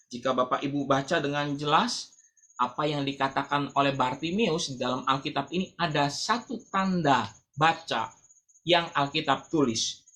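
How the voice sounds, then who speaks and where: A man preaching a sermon as pastor of a church, dramatic and swinging between loud calls and quiet asides. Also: on the high side. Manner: acts out the blind man's cry.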